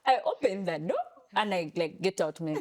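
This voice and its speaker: A young woman, co-hosting a casual chat and telling a story in an animated, playful way. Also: lowish voice, normal speed, noisy background. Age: young adult. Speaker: podcast co-host.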